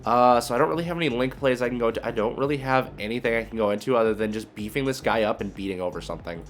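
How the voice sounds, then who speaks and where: Speaking very fast at a medium pitch over soft background music, a man who makes videos and plays card games comments casually on his gameplay. His thinking-aloud is hesitant and muttered as he works out each move.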